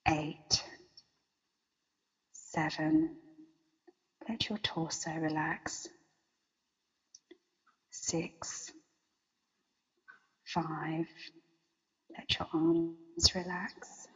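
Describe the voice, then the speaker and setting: A woman leading a guided meditation as a guide, with a slow, soothing countdown delivery. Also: low voice, a bit bright, slightly rough, in a large hall, highs cut off. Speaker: meditation guide and interview guest.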